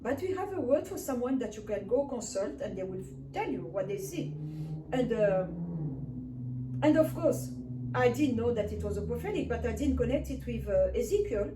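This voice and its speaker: Her voice sits fairly high, with lively intonation and a moderate pace, as this woman minister shares a personal testimony sermon. She comes from Africa, with Swahili as her first language, and speaks earnestly and emphatically, repeating phrases. The sound is echoey, with a distant mic and faint hiss.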